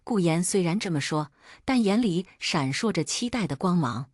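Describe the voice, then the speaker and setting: A woman's voice: lowish voice, animated, moderate pace, darkish tone, no room sound, clean studio sound. A woman narrating a romance novel in the first person, reading every part in her own voice. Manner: reads all parts in her own voice.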